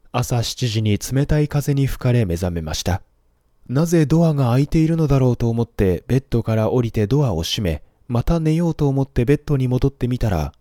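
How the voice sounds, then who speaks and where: A man reading a first-person story aloud in a calm, measured narrating manner. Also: medium pitch, no echo, clean studio sound.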